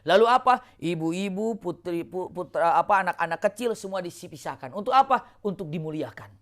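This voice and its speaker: A woman's voice: fairly low pitch, a little fast. A woman, telling an Islamic religious story in a lecture and answering her own rhetorical questions. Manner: animated, asks rhetorical questions and answers them.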